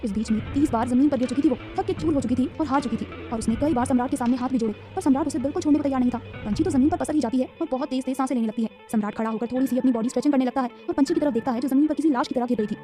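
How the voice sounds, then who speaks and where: A woman narrating a serialized romance story in a dramatic, fast scripted style. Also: high voice, warm tone, soft background music.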